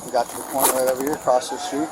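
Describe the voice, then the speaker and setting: A man outdoors at night giving a steady, measured statement to police, recorded on a body camera. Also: medium pitch, rough recording. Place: outdoors on a residential street at night. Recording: body cam audio with loud crowd and radio.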